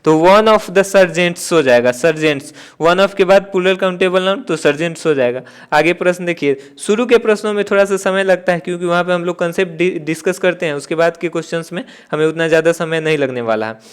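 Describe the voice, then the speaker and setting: A man's voice: high voice, fast, few pauses, clear, resonant tone. A man teaching an exam-prep grammar lesson, explaining step by step, asking and answering his own questions and repeating key points. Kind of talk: classroom-style exam lesson.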